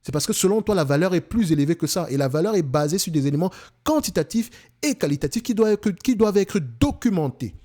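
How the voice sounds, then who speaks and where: Talking fast in a high, expressive, warm voice, this investing-channel host speaks with a Cameroonian French accent. He delivers an emphatic, casual monologue, frequently starting over and saying things again.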